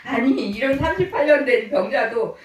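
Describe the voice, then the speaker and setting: A woman's voice: high-pitched, moderate pace, far from the mic. Woman pastor telling stories in a roomy church. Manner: lively storytelling, acts out quoted voices, laughs often. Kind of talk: storytelling sermon. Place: church hall.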